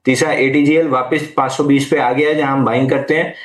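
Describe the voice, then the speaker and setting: In a steady, medium-pitched voice that runs a little fast, a stock market analyst patiently advises viewers during a live Q&A on the markets. He mixes English trading terms into his Hindi, and the room sounds echoey.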